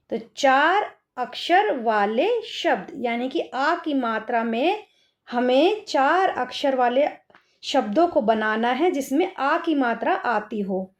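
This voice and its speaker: High-voiced woman teaching children slowly. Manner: slow, drawn-out word dictation; patient, addresses children directly. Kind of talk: online children's lesson.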